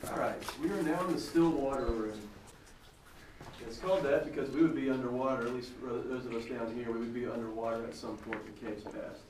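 Guy leading a cave tour, big cave echo, kinda noisy recording, relaxed jokey commentary. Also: medium pitch, a little fast. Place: large underground cave, heard from a visitor's camera. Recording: echoey cave, distant, noisy.

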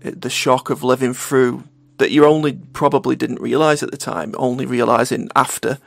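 A male podcast host with a gravelly, creaky voice speaks in an easygoing, reassuring way. His voice is recorded close and dry, with no room sound, during a casual interview chat. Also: medium pitch, fairly even intonation, moderate pace, dry recording, soft background music.

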